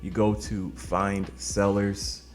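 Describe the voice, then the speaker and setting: A man's voice: on the low side, level tone, takes it slowly, faint music behind. A man who hosts an online marketing channel, talking casually and pushing offers with hyped, salesy energy, tired from recording late at night. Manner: hyped, salesy, addresses viewers as "baby" and "man". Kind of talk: casual promotional talk to camera.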